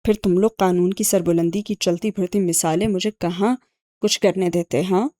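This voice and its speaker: A woman with a steady, dark, fairly low voice reads an audiobook, playing a sharp, sardonic young man, with an ex-agent uncle, who lays out his schemes with dry sarcasm. Her voice sounds natural and there's no echo, and the overall mood is wry.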